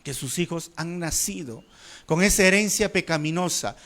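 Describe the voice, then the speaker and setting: Higher-voiced man preaching a Bible study. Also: moderate pace, fairly bright tone. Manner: pastoral, addresses listeners as brothers, drops voice on key words; rhetorical questions and exhortations. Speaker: pastor. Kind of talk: expository Bible study sermon.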